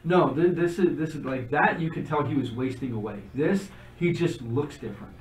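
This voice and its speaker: A man's voice: fairly high pitch, moderate pace, echoey room, far from the mic, poor audio. A man narrating as game master of a tabletop game, describing things in a loose, conversational way.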